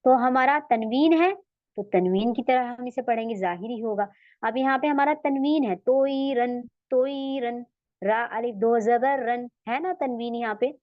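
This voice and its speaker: A woman's voice: a little high, no room sound. Patient woman teaching Quran recitation. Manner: patient, explanatory, repeats Arabic words slowly. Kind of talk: online lesson. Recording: dull, dry, lo-fi recording.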